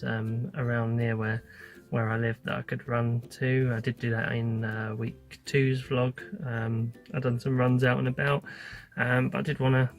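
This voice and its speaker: British man, creaky, even-toned vlogger. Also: medium pitch. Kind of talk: casual vlog talk to camera. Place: inside a parked car. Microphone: phone at arm's length.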